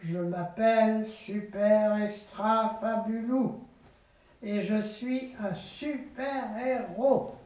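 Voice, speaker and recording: A woman voicing a boastful young male wolf posing as a superhero, speaking slowly and solemnly, heard from far off in a very echoey room. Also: medium pitch, steady tone, darkish tone. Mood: pompous.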